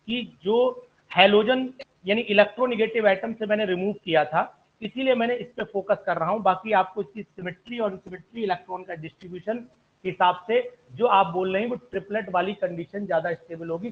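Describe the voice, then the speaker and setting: A man's voice: high voice, narrow, tinny audio. A man teaching an online chemistry class, politely asking students questions and calling them sir.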